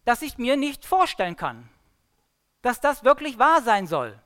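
A woman giving a sermon-style Bible talk, telling the story dramatically and swinging between loud emphasis and hushed lines. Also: fairly high pitch, very animated, unhurried. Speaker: preacher.

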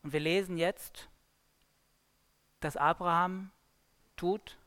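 A woman giving a sermon-style Bible talk, telling the story dramatically and swinging between loud emphasis and hushed lines. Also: on the low side, steady tone, slow pace. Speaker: preacher.

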